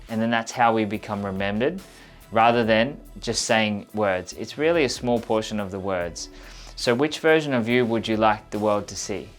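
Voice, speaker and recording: A man giving an instructional, conversational coaching talk, speaking directly and earnestly to the viewer and repeating points for emphasis. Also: lowish voice. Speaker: communication coach presenting a how-to video.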